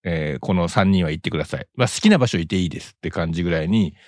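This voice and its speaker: A man's voice: sits low, lively intonation, very fast, a little mellow, no room sound. A man hosting a casual radio talk show in a studio, rambling along with chuckles and many filler sounds.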